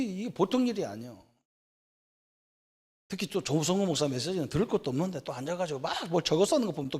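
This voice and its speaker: Middle-aged pastor guy giving a sermon, pretty high pitched, chatty and asking questions. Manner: conversational preaching, rhetorical questions, asks for agreement. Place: church sanctuary.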